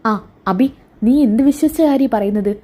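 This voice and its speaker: A woman's voice: on the high side, normal speed, warm tone, pitched above the performer's own voice, natural voice. A woman voicing a wary young wife who keeps pressing with questions, in a storytelling retelling of a TV serial. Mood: questioning.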